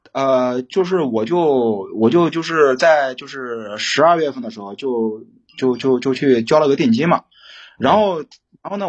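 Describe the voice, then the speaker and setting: A young man calling in to an advice show, his voice husky and pitched a little high. He rambles and restarts, swinging his tone up and down a lot as he tells his story. The sound is muffled and lo-fi. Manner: rambling, halting, many restarts. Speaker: caller seeking relationship advice. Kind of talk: casual phone-in storytelling.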